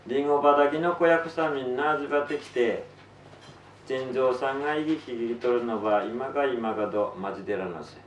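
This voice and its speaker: A man reading his own fiction aloud in Tsugaru dialect to an audience, in an unhurried, measured storytelling manner. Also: mid-range voice, a little hiss or hum. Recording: roomy, distant mic, faint ambience.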